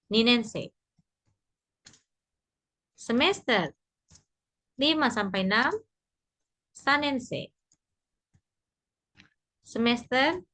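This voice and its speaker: A woman teaching a basic conversation class, explaining patiently in a chatty way, repeating points and pausing with fillers. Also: on the high side, a bit bright. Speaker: Japanese teacher.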